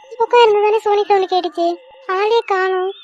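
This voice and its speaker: A woman voicing a frightened girl alone in a dark house, calling for her friends and talking to herself. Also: extremely high pitch, fairly even intonation, brisk, highs cut off, faint music behind. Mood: anxious. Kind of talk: cartoon voice acting.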